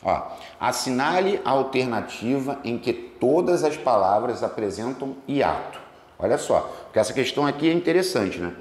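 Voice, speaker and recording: A man teaching exam grammar, working through test questions and drawing out words slowly to split them into syllables. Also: mid-range voice, echoey room, big-room sound. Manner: lively, stretches words slowly to spell out syllables.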